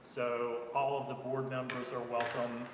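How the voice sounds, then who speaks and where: A man, serving as school superintendent, reporting plans in a measured, informative way at a public board meeting. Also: mid-range voice, little pitch movement. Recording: echoey room with long reverb, faint noise.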